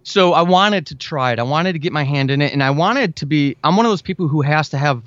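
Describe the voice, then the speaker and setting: The audio drama writer's fairly high, slightly bright voice moves at a quick pace with lively intonation as he chats as an interview guest, informal, earnest, and full of passion for his craft. The sound is muffled but echo-free.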